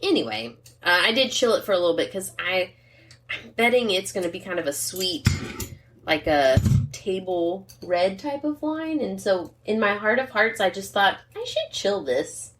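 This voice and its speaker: A woman's voice: medium pitch, lively intonation, normal speed, a bit bright, slight background noise. A woman co-hosting a podcast in casual, rambling chat, reading a wine label aloud. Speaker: podcast co-host.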